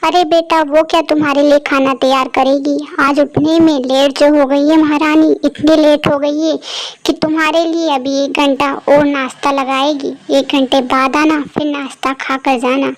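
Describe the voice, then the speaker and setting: A woman's voice: high-pitched, level tone, moderate pace, lightly acted. A woman voicing a harsh, taunting mother-in-law in a cartoon story. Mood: sneering. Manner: sneering, taunting.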